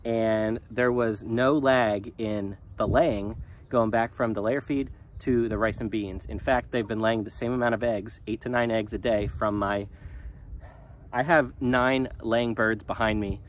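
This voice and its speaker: A man in his thirties talking casually to a handheld phone outdoors in his chicken run, relaxed and rambling with many ums. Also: lowish voice, measured pace, slight background noise. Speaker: small farm vlogger. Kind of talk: casual vlog talk to camera. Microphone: phone at arm's length.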